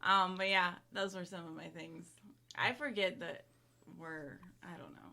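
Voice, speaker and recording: Woman, 30s, podcast co-host, casual chat, bright tone, filler-heavy. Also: lowish voice, steady tone, unhurried, gravelly. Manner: chatty, many "like" fillers, laughs often.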